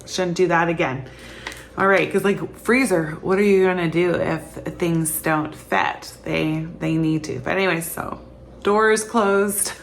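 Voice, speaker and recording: A woman's voice: fairly low pitch, fairly even intonation, a little slow, gravelly, slight background noise. A woman from Canada in her thirties, chatting casually to camera as a vlogger, tired and laughing often.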